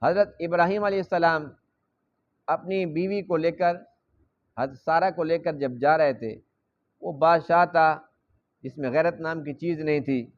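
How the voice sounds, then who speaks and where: High-voiced male preacher, lo-fi. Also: fairly even intonation, pauses often. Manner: explains by repeating phrases and acting out dialogue. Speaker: mosque preacher teaching Quran. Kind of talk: Quran lesson sermon. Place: mosque.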